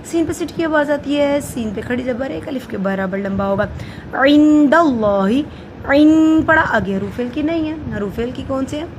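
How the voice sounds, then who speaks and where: Slow, melodious woman Quran reciter. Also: high voice, expressive, dull audio, background noise. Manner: recites slowly and melodiously, then explains each letter softly and evenly. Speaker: Quran tajweed teacher. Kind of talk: slow Quran recitation then tajweed explanation.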